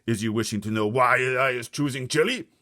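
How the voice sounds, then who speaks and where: A man's voice: medium pitch, fairly quick, pushed and bright, no echo, clean studio sound, pitched above the performer's own voice, lightly acted. A man voicing a huge, greedy, bullying male giant for a storybook, bellowing insults in broken grammar. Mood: gloating.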